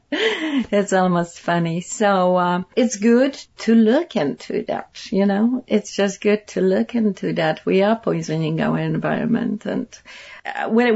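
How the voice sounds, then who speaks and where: A woman's voice: mid-range voice, creaky, a little mellow, husky. A middle-aged woman from Poland with a Polish accent, speaking earnestly as an interview guest and repeating points for emphasis. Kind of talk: interview conversation. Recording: dull lo-fi sound.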